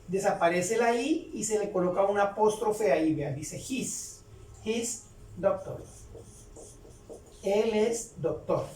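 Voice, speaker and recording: A man teaching English grammar step by step, repeating each example sentence slowly and patiently. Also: high voice, warm tone. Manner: slow, repetitive, explains each example twice. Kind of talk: step-by-step tutorial. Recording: roomy, distant mic with faint ambience.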